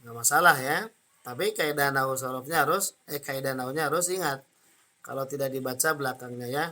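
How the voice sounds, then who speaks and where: A man's voice: mid-range voice, a little fast, bright, forceful tone. A man with an Indonesian accent teaching an Arabic grammar class, explaining patiently step by step and checking in often.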